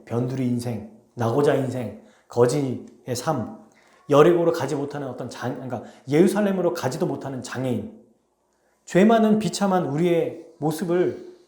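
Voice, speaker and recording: A man preaching a sermon as pastor, telling a story with lively, questioning delivery to his congregation. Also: on the high side, echoey room. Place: church sanctuary.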